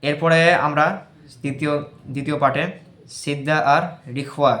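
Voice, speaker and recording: A man with a Bangladeshi Bengali accent gives a patient recitation lesson, sounding out single letters again and again. His voice sits a little high and stays quite flat. The room around him echoes. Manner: explains slowly, repeats and drills single letter sounds. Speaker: tajweed teacher.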